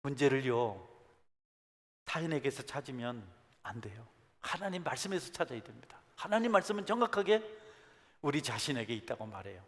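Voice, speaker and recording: A male pastor preaching a sermon. He swings from soft asides to emphatic calls. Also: mid-range voice, very animated, normal speed. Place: church sanctuary. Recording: long church hall reverb.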